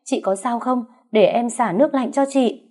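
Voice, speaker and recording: A scheming young woman whines and pleads in a high, put-upon voice, as a woman reader voices her. She sounds falsely innocent. It is an audiobook story reading with a soft, mellow tone. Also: moderate pace, close to an everyday voice. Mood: whiny pleading. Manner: pleading, wailing.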